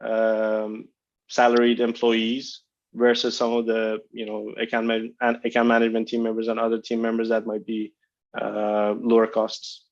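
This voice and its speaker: A man's voice: fairly low pitch, monotone, moderate pace. A man, a company executive, answering analysts' questions on a conference call, speaking hesitantly with many fillers and restarts. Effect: conference call phone line. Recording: dull lo-fi conference line.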